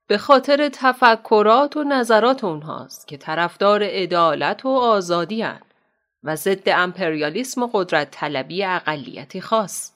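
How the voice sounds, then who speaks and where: Woman voicing a firm, lively woman lecturer. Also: medium pitch, natural voice. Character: calm, firm woman doctor and speaker.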